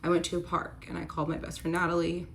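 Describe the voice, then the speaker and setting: A woman's voice: fairly low pitch, monotone, fast, creaky, a little hiss or hum. A woman telling a personal story in a candid, conversational way, with many casual fillers.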